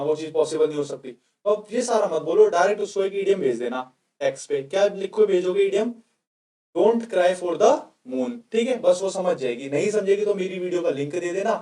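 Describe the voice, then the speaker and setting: A man's voice: sits high, darkish tone, reverberant, distant mic. A male coaching teacher giving a casual classroom vocabulary lecture. He keeps asking his students questions as he explains.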